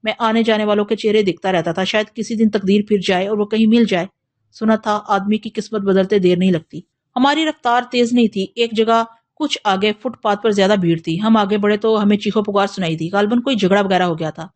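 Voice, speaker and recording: A woman narrating a novel as an audiobook, in steady, measured storytelling. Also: mid-range voice, no echo.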